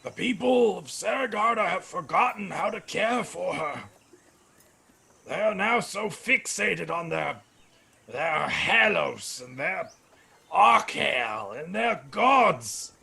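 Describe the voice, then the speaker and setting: A man voicing a grumpy, bitter old nature priest in a tabletop game, with a creaky, raspy, slow and solemn delivery. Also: high voice, expressive, bright, forceful tone, exaggerated voice. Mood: mournful, grumbling. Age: older. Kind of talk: tabletop role-play acting.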